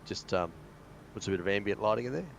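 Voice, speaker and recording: Casual Australian gamer guy, low voice, rambling, on a voice-chat mic. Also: expressive, quick pace, creaky, a little hiss or hum. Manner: rambling, hesitant, many fillers. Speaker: guest pilot. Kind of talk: casual chat over voice call.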